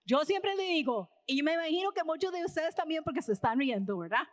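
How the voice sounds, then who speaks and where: A woman's voice: high-pitched, expressive, a little fast. A woman with an American accent preaching a conversational sermon in a church hall, telling stories casually and checking in with her listeners. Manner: casual storytelling, tags lines with "¿verdad?". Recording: reverberant hall.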